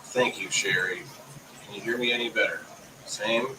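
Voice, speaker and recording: A man's voice: fairly low pitch, steady tone, normal speed, bright, forceful tone. A man hosting a live stream in a rambling, casual way, his microphone crackling and cutting in and out. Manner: rambling, lots of fillers. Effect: crackly mic cutting in and out. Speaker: live-stream show host. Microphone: camera mic instead of desk mic. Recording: noisy distant camera mic.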